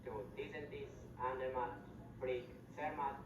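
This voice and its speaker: A man listing the train stops in a flat, formal way over a station PA system. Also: medium pitch, a little slow. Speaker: station announcer. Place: railway station platform. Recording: echoey loudspeaker from far off.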